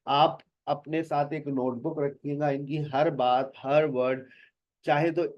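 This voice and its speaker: A man's voice: a little high, steady tone, slow pace. A male spoken English teacher talking casually to his students, switching between Hindi and English and addressing them directly. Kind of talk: casual lesson talk. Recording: dull lo-fi recording.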